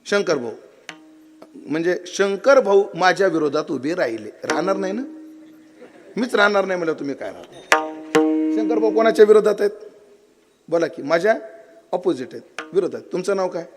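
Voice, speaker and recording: Lively high-voiced Marathi kirtan preacher. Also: male voice, normal speed, long pauses, music in the background. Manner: lively storyteller, quizzes the audience, acts out characters' lines. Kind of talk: devotional kirtan sermon with storytelling.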